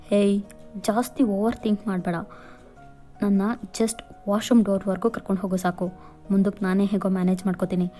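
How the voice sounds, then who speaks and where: A woman's voice: medium pitch, flat delivery, brisk, dark tone, soft background music, lightly acted. A woman voicing a young man who is hurt and irritable, snapping orders and scolding in a fan-fiction voice-over. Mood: gruff, bossy. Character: gruff injured young man, bossy and irritable.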